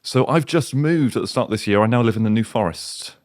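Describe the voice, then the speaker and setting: A man's voice: medium pitch, lively intonation, fairly quick, darkish tone. A man in his twenties with an Essex accent, chatting casually as a podcast guest. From Essex, England. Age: 20s. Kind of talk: casual chat.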